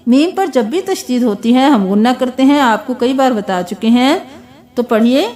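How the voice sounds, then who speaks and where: Woman, high-pitched, Quran recitation teacher, patient instructive tone, spells out letters slowly. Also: animated, a little mellow. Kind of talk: Quran reading lesson.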